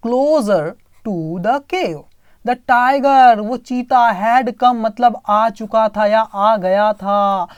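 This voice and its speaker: A woman's voice: a little high, no echo, studio quality. A woman with an Indian accent teaches English by reading a story line by line, explaining each line in Hindi and asking herself questions as she goes. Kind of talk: line-by-line story translation lesson.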